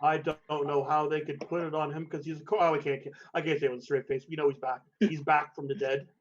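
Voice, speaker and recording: A man's voice: a little high, level tone, fast talker. A man co-hosting a podcast in casual chat who laughs often, swears freely and announces the next match. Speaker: podcast co-host. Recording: dull lo-fi recording.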